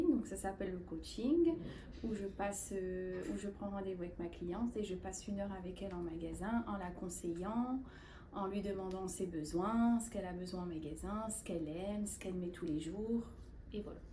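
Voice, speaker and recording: A woman's voice: mid-range voice, normal speed, mellow, echoey room, recorded from a distance, a little hiss or hum. A woman in her thirties who works in a clothing store, describing her daily tasks simply. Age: 30s. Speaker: store staff. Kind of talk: corporate job interview testimony.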